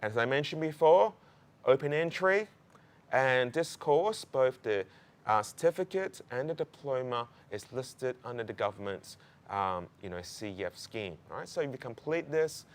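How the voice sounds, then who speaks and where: In an animated mid-range voice at normal speed, a man tells prospective students about a law program. The presentation is informational but conversational and emphatic, peppered with "right" and "okay."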